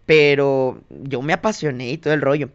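A man's voice: medium pitch, moderate pace. A young man with a Mexican Spanish accent, telling stories as a podcast guest and acting out other people's lines. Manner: animated, quotes others in lively asides. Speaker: guest, singer and TV reporter. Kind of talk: casual interview storytelling. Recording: dull lo-fi podcast audio.

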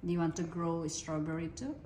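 A woman's voice: fairly low pitch, little pitch movement, fast talker, dark tone. A woman off camera in a living room at home, chatting casually as a parent, with short questions and murmured acknowledgements. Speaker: parent prompting a child on camera. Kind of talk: casual chat. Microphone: camera mic, speaker off screen.

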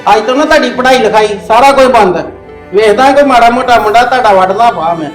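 A man's voice: very high voice, quick pace, echoey room, faint music behind. A man playing a proud, stern village father who scolds his grown daughters harshly. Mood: angry. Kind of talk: domestic drama acting.

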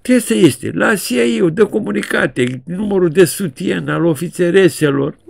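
Old guy, 70s, sarcastic casual rant, husky gravelly voice, dry close sound. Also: expressive. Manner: colloquial, sarcastic, swings widely in pitch. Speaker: journalist and video blogger. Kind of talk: casual commentary monologue.

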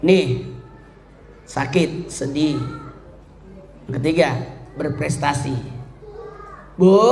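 A man in his fifties giving a humorous religious talk to an audience. He jokes constantly and leaps into high squeaky voices. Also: gravelly, fairly bright tone, a little hiss or hum. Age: 50s. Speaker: preacher. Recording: hall reverb with faint crowd.

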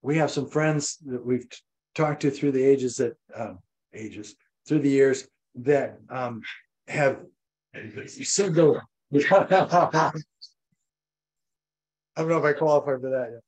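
An older man preaching a sermon as pastor, animated and repetitive, acting out voices. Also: measured pace, low-quality recording. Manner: animated, repeats phrases, acts out voices with rising pitch. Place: church.

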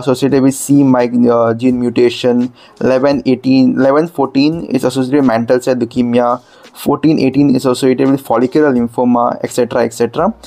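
A man's voice: medium pitch, darkish tone. Emphatic man tutoring exam prep. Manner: explanatory, emphatic, repeats 'okay'. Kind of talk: screen-demo lesson.

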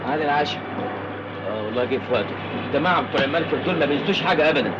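An actor as a cheerful Egyptian ship steward, speaking very fast and brisk. Loud boat engine noise rumbles behind his slightly raised voice. The audio is dull like an old film soundtrack. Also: animated, natural voice. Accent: Egyptian Arabic.

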